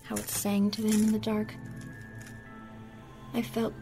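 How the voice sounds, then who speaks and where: Woman horror narrator, very slow, gravelly and hushed, with music behind. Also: mid-range voice, monotone. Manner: hushed, slow, often whispered.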